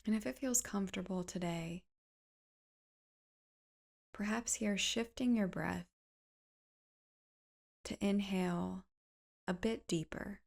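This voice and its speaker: This is a woman with a medium-pitched voice guiding a meditation. Her delivery is gentle, calm, and slow, with breathiness creeping into the ends of phrases.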